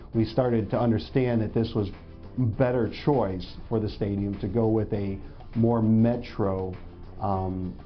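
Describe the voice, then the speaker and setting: A man in his forties calmly explaining a stadium network in a corporate testimonial interview, filmed in a studio. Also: fairly low pitch. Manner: plain, matter-of-fact explaining. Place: indoor studio before a logo backdrop. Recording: slightly dull audio with faint music.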